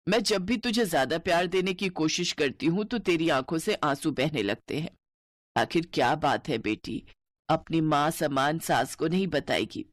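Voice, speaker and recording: A woman voicing a gentle, loving middle-aged mother-in-law in a cartoon story, speaking in a soft, soothing way. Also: low-pitched, animated, normal speed, no echo, clean studio sound.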